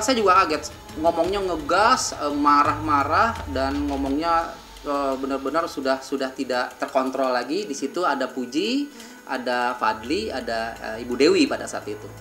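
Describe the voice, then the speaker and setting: Older man, halting interview retelling, heats up as he talks; echoey room, music bed. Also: on the high side, sharp tone. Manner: halting, many restarts, voice rising when agitated.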